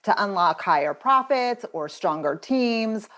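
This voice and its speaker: A woman's voice: mid-range voice, expressive, a little slow, a bit bright. A woman co-hosting a podcast, asking the guest questions and adding short, upbeat affirmations. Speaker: podcast co-host. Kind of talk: casual interview questions.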